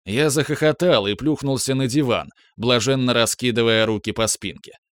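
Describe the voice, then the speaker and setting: A man narrating a first-person novel in a measured, expressive way. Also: medium pitch, dry recording, studio quality. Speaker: audiobook narrator.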